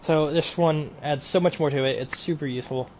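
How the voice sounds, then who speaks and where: On a casual game mod showcase stream, a man with a somewhat high, steady voice talks briskly, rambling and repeating himself before trailing off. It's a dull lo-fi home recording with faint noise.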